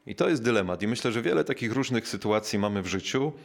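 Low-voiced man preaching a reflective sermon. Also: lively intonation, creaky. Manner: measured, reflective, slows down to stress key words; searching pauses with filler sounds.

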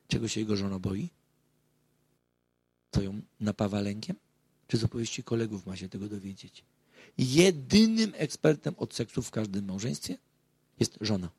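A man's voice: lowish voice, a little mellow, breathy edge, dry recording. A middle-aged man giving a public talk as a marriage counselor, telling stories earnestly and rising to emphatic outbursts. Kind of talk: public lecture to an audience.

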